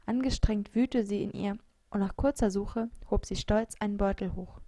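A woman narrating a first-person story as an audiobook, with expressive, lively storytelling. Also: medium pitch, normal speed, dry recording, studio quality.

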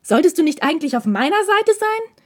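A woman voicing a young male student who pleads and then shouts in anger, with her voice pitched up. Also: big pitch swings, brisk. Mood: indignant.

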